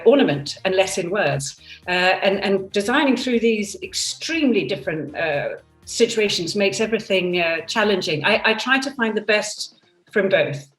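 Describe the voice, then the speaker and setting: With a lowish voice, a woman in her fifties from Denmark and England, working as a product designer, is interviewed over a computer video call from her seaside home. She reflects candidly and thoughtfully, with frequent restarts. The sound is roomy and far from the mic, with soft music behind her.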